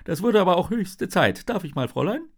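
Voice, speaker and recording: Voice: mid-range voice, very animated, brisk, breathy edge, voice pushed up. A storyteller voicing a cheerful male genie cloud who talks in a grandly polite, exclaiming way. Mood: delighted.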